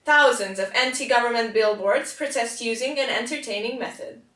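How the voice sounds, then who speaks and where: Girl doing parody news anchor, formal n earnest, highish voice, roomy echo. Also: normal speed, fairly bright tone, lightly acted. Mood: formal, serious. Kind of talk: scripted mock news report. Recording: roomy, echoing amateur recording.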